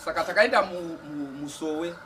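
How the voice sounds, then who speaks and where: Halting, emotional preacher man heard from afar. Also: fairly high pitch, sharp tone. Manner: halting, restarts words, emotional. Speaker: evangelist giving testimony. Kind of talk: church testimony. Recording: distant mic with faint outdoor noise.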